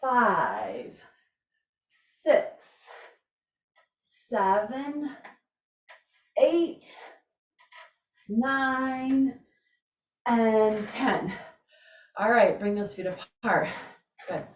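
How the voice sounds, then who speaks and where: A woman instructor leads an exercise class with informal, encouraging cues, casual chat and counting. Her voice is on the high side and sing-song, very slow with long pauses. The distant microphone picks up a roomy echo.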